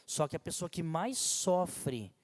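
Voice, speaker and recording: A man in his thirties preaches to his congregation in a conversational, animated way. His voice sits high for a man. It rings with the long reverb of a church hall. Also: takes it slowly. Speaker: pastor. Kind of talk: sermon. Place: church sanctuary.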